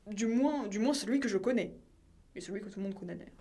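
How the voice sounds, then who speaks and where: A woman's voice: mid-range voice, lively intonation, fast talker, dark tone, breathy edge. Chatty young woman, full of fillers. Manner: hesitant, chatty, with many fillers. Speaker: YouTuber doing impressions. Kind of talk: casual chat.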